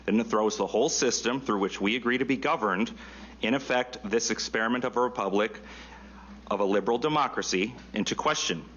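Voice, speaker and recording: A man reading a prepared statement at a public hearing in a formal, deliberate manner. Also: fairly low pitch, fairly bright tone, breathy edge. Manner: formal, deliberate, read-out rhetoric. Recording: dull lo-fi hearing room audio.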